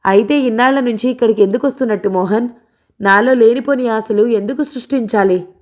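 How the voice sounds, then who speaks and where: A woman's voice: fairly high pitch, brisk, darkish tone, pitched above the performer's own voice, lightly acted. A woman reading aloud and voicing an unhappy young wife who pleads and then orders her lover away. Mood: angry.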